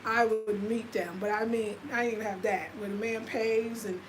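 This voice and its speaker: On her livestream, this lifestyle vlogger, an American woman in her fifties, chats confidingly and casually, packing her speech with fillers. Her voice sits on the high side with fairly even intonation and normal speed, and the background is noisy.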